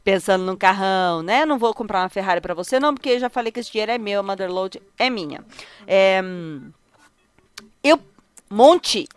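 Talking to both her game characters and her viewers, this young Brazilian gaming host gives casual let's-play commentary on a life sim despite having a cold. She has a Brazilian Portuguese accent and an expressive, smooth, medium-pitched voice at a moderate pace, with no room sound.

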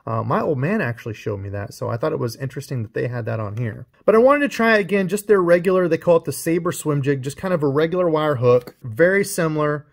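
Unboxing lures for his fishing channel, this man chats casually and compares them while handling each piece of gear. His fairly high voice is expressive with some vocal fry, and he talks fast with hardly any pauses.

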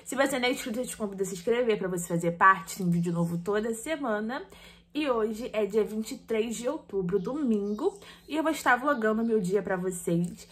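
A woman's voice: medium pitch, a little fast. A Brazilian woman in her twenties chatting casually to viewers in a vlog, her speech slightly lisped from wearing a removable retainer. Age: 20s. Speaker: vlogger. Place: small bedroom and tiled kitchen indoors. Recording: clear background room noise.

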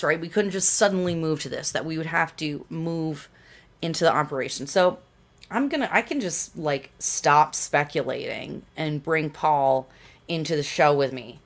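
A woman in her thirties hosting a casual livestream talk show from a small home studio, chatty and greeting viewers by name. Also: low-pitched. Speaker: show host. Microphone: desk condenser mic.

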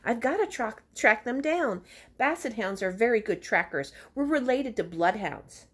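A woman reading aloud as an earnest male basset hound in a children's storybook. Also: expressive, normal speed, slightly rough. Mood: urgent.

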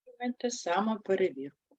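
Lively teacher, slow and clear. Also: female voice, medium pitch, no room sound. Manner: slow, clear dictation-like explanation, answering her own prompts. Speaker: primary school teacher. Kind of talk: online lesson for young pupils. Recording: dry, slightly dull sound.

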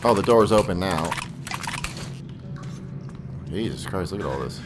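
A man's voice: low-pitched, animated, a little slow. A man giving casual, exclamatory and profane gameplay commentary, often talking to the game characters. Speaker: gaming let's player. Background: video game music and sound effects.

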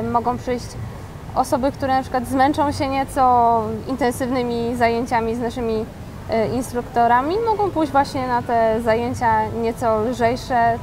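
A young woman with a fairly high voice answers interview questions in a casual, loose way, often opening her sentences with fillers. She speaks on a lapel mic in a mall studio set. Clear background noise sits behind her voice.

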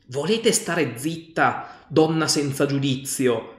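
A fearful, fussy old village priest scolds in a higher, anxious voice, as a man reading aloud puts him on. He speaks slowly and fretfully. The sound is roomy and echoing. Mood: scolding. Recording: roomy echo.

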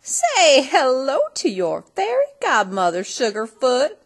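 A woman acts out a little old Western fairy godmother from a storybook. The voice leaps around, pitched up and slightly rough. She is brisk and bossy, talking in folksy cowboy slang. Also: huge pitch swings, heavily acted.

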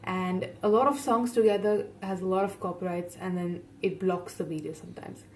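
A woman's voice: fairly low pitch, fairly even intonation, a little fast, a little mellow. A young Indian woman in her twenties with an Indian accent, chatting casually and giggling to her webcam in her bedroom. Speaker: reaction YouTuber. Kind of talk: casual chat to camera. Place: bedroom, indoors. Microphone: webcam at desk distance. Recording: slightly distant mic, faint room noise.

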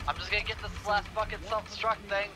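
A man's voice: high voice, level tone, quick pace. A man chatting casually with a teammate during a shooter game, swearing often. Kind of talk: casual in-game team chat. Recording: noisy game voice chat.

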